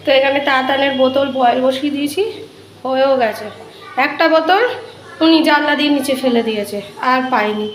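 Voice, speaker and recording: A young woman chatting casually through her daily home vlog, narrating her morning, with high sing-song baby talk for her toddler. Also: fairly quick, reverberant, slight background noise, poor audio. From West Bengal, India. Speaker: vlogger. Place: home, indoors.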